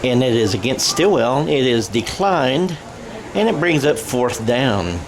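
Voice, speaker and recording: A play-by-play announcer calls football radio-style outdoors, his medium-pitched voice very animated and a little slow. His delivery rambles and corrects itself, sprinkled with folksy asides. Outdoor stadium noise comes through clearly behind him.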